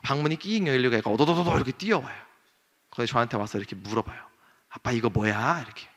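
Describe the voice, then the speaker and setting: A pastor in his thirties preaching a sermon, telling a family story and acting out the voices with lively shifts in pitch and volume. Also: very fast. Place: church sanctuary. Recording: long church hall reverb.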